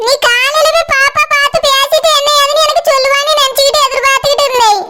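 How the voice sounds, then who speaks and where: Woman voicing a shrill nagging cartoon village mother. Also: fairly even intonation, pushed and bright, slight background noise. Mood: scolding. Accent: Kanyakumari Tamil. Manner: nagging, scolding, rapid complaining. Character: fussy scolding village mother, anxious over her daughter. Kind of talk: cartoon voice acting.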